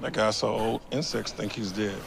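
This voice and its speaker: An actor playing a man who cracks dry, deadpan jokes in a comedy series. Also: on the low side, moderate pace, gravelly. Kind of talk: scripted comedy dialogue. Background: loud music.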